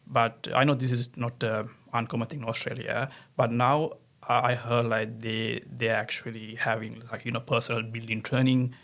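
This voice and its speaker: Gravelly Sri Lankan man, flat and hesitant. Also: mid-range voice, moderate pace. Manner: hesitant, many fillers. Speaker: accountant. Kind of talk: casual podcast chat.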